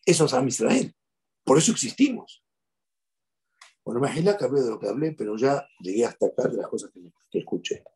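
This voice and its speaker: A man's voice: mid-range voice, expressive, brisk, darkish tone, breathy edge. A middle-aged man with a Rioplatense Spanish accent, a rabbi giving an emphatic, preachy talk on the weekly Torah portion and repeating his points for weight. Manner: emphatic, preachy, with repetitions and Hebrew phrases. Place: outdoors at sunrise.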